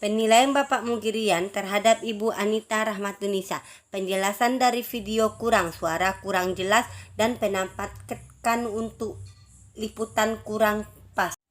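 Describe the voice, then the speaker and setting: A woman announces a writing contest's results, reading the judges' feedback in measured, list-like phrases at a steady, medium pitch, with small restarts along the way.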